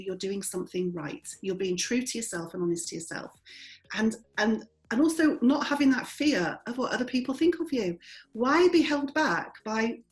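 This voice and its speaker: A woman's voice: mid-range voice, rough recording. A woman in her forties, a property trainer and interview guest, speaking bluntly and openly, laughing often as she talks. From born in Germany, raised in army families. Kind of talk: candid interview conversation.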